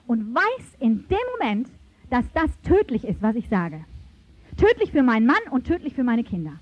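A woman preaching a sermon in an animated, emphatic way, swinging her pitch dramatically as she tells stories and reads verses. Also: normal speed, dry recording. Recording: dull, lo-fi recording.

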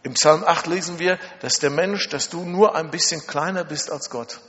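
A middle-aged German man preaches a sermon in a large hall, telling personal stories emphatically with dramatic repetition and rhetorical questions. His voice is slightly high and a bit bright at normal speed; the recording is muffled with long reverb.

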